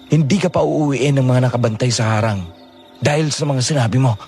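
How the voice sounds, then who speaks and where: A man's voice: a little fast, faint music behind, lightly acted. A man playing a secretive, protective young man. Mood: grave. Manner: low, urgent, hushed warnings. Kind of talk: Filipino horror audio drama.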